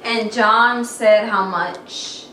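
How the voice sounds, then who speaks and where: Female podcast co-host, medium pitch, blunt and slangy casual chat, roomy recording with faint noise. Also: fairly even intonation, drawn-out words, recorded from a distance. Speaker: podcast co-host reading out viewer comments. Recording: echoey room, faint noise.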